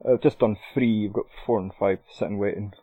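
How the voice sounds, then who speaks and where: A man's voice: fairly low pitch, steady tone, fairly quick, husky, no echo. A man chatting casually about video games as a podcast co-host. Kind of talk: casual gaming chat. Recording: dry, thin phone-like call audio.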